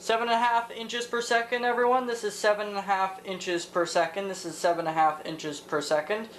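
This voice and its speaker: Speaking a little fast at medium pitch with fairly even intonation, a seventeen-year-old demonstrates a tape recorder from her vintage tech hobby. It's casual and unscripted, and she hesitates while thinking aloud. A roomy echo and faint noise color the recording.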